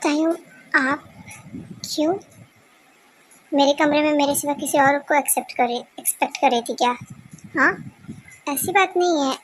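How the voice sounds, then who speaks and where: A woman's voice: high voice, fairly even intonation, moderate pace, pauses often, slight background noise, close to an everyday voice, rough recording. A woman voicing a timid, flustered young wife in a fan-dubbed romance story, speaking hesitantly and stammering.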